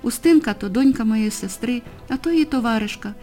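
A woman's voice: on the high side, brisk, warm tone, faint music behind, lightly acted. A woman doing a frightened, imploring older aunt. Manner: imploring, fawning.

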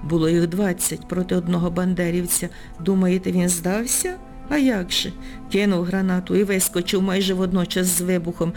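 A woman narrating an audiobook in a measured, expressive storytelling manner. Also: on the low side. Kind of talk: audiobook reading.

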